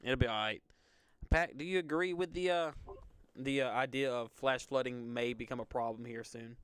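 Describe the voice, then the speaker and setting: A man's voice: mid-range voice, normal speed, a bit bright, clear, resonant tone, no room sound. A young man from Alabama, hosting live weather coverage in a casual, rambling way with lots of fillers. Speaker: weather stream host.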